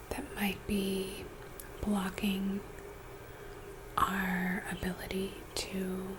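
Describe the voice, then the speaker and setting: A woman in a whispered role-play, speaking gently and intimately right in the listener's ear, guiding in an unhurried, soothing ASMR style. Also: mid-range voice, noisy background. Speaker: ASMR host playing a friend giving reiki.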